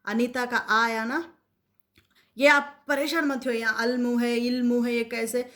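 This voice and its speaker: A woman's voice: fairly high pitch, fairly even intonation, a little slow, pushed and bright. A woman teacher walks learners through Arabic verb endings. She drills each form several times and asks rhetorical questions as she explains. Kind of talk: explanatory lesson.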